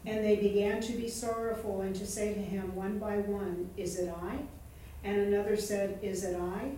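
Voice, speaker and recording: A woman in a Bible study group reading a scripture passage aloud in a steady, even way. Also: medium pitch, normal speed, slight background noise. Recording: distant voice in an echoey room.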